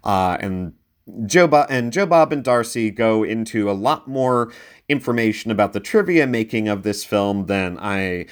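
A man's voice: on the low side, lively intonation, a little slow. A man hosting a casual film review podcast, talking conversationally and leaning into his recommendations with emphasis. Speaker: podcast host.

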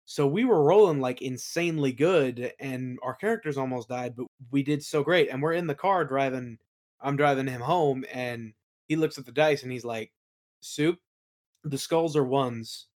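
Here a man's mid-range, somewhat mellow voice comes at a normal speed. An interview guest who runs games and creates audio plays, he swaps anecdotes in loose, colloquial fashion, wandering as he goes and voicing other people's remarks.

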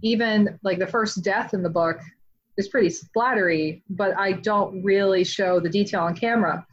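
Woman author, chatty and animated, mid-pitch voice, slightly muffled lo-fi sound. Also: normal speed, a little hiss or hum. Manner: chatty and animated, many "like" fillers. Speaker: author being interviewed. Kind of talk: casual interview chat.

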